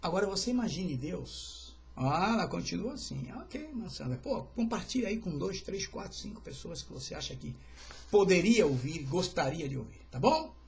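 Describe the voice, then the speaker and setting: High, lively pastor. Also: male voice, normal speed, vocal fry. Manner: chatty, joking asides, greets viewers mid-teaching. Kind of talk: informal livestreamed Bible study.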